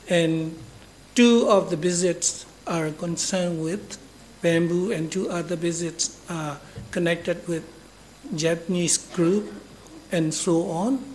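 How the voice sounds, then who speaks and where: A man from Myanmar with a Burmese accent giving a formal, deliberate speech as a guest speaker. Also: high voice, a little mellow, a little hiss or hum, low-quality recording. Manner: deliberate, addresses listeners as brothers and sisters.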